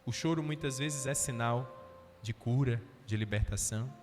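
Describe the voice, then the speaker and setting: A male priest with a medium-pitched voice preaches at normal speed at a healing retreat. He tells stories, acts out the characters' voices, and asks the crowd questions. Faint music plays behind him in the reverberant auditorium.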